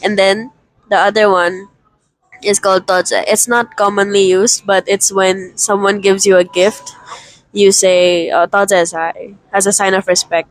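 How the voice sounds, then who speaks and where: A woman who grew up in Hong Kong, calmly explaining two ways of saying thank you. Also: medium pitch, no echo, soft background music, rough recording. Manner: measured and instructive. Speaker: co-presenter giving pronunciations. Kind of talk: slow, careful explanation.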